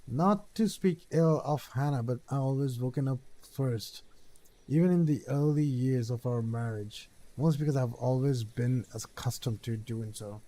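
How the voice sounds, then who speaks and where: Mellow-voiced man stumbling through a read-aloud. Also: mid-range voice, normal speed. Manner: stumbles over words, repeats and restarts. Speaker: streamer reading a story game aloud. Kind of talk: casual read-aloud of game text.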